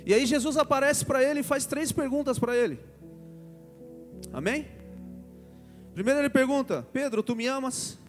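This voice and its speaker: A man preaches a sermon in a fairly high voice. He swings from loud proclamation to soft, joking asides. The sound rings with long hall reverb over faint music. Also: lively intonation, normal speed, pauses often.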